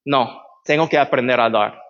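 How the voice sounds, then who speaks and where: A man preaches a teaching sermon in an echoing church hall; he is a pastor with a medium-pitched, slightly bright voice and a moderate pace. Conversational in tone, he often asks the crowd "¿verdad?" The recording is dull, with lengthy church reverberation.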